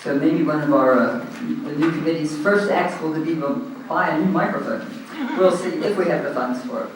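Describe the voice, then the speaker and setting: Filling in for the president, an Australian man runs a community meeting through a handheld microphone, heard from some distance in a big, very echoey hall with faint room hiss. His pitch sits slightly high for a man, and he keeps a moderate pace. Loud and informal, he hesitates with plenty of ums and uhs.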